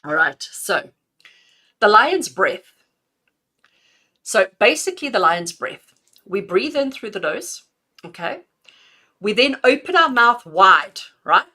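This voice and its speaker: A middle-aged woman leads a live guided breathing lesson as a spiritual healer. She talks in an animated, chatty way and laughs often. When she counts breaths, she slows down and turns calm. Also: medium pitch.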